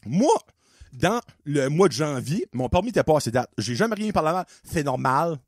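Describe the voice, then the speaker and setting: Acadian male podcaster, high lively voice, swearing sarcastic rant, dry mic. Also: a little fast, no echo. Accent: Acadian French. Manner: profane, sarcastic and exasperated. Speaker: podcast host. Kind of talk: casual comedic rant.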